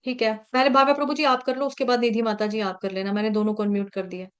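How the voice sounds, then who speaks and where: A woman teaches verse recitation over a video call in a fairly high voice. She works slowly and patiently, breaking each word into syllables and repeating them for her students. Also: flat delivery, clear, resonant tone. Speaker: online Sanskrit verse teacher.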